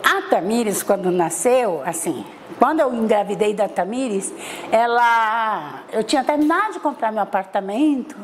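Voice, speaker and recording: High-pitched woman, middle-aged, chatty storyteller, faint hiss behind. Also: animated, a little slow. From Salvador, Bahia, Brazil. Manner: chatty, many "né" tags and restarts. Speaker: interviewee, mother. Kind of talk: personal life story interview.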